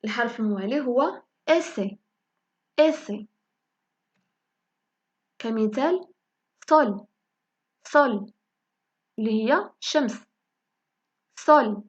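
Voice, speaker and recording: A woman with a Moroccan Arabic accent teaching a language lesson, saying each example word slowly and repeating it for learners. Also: a little high, animated, lo-fi sound. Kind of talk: spoken lesson in Moroccan Darija.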